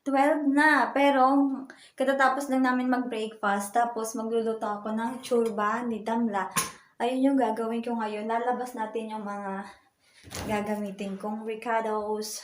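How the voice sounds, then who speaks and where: A woman's voice: fairly high pitch, level tone, measured pace. A woman from the Philippines chatting casually in a rambling family vlog from her home kitchen, full of fillers. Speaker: vlogger. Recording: echoey room with noise.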